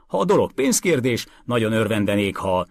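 A man's voice: fairly low pitch, very animated, no room sound, clean studio sound. A man reading aloud, voicing a blustering, pushy wealthy man in a storybook. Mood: pressing. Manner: loud, insistent, bullying.

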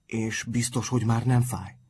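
A man's voice: mid-range voice, steady tone, darkish tone, slightly rough. A man voicing an earnest, kind-hearted teenage schoolboy in a storybook reading.

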